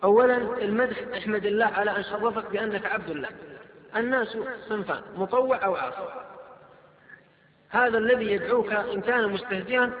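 A man preaching to an audience, reading out questions and answering firmly in numbered points. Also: high voice. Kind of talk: religious lecture Q&A. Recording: tinny, echoey hall recording with crowd.

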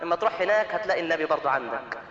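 A man with an Egyptian Arabic accent preaching an emotional sermon, telling a story with dramatic swings in pitch and loudness. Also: lively intonation, rapid-fire, muffled recording. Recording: echoey hall with long reverb.

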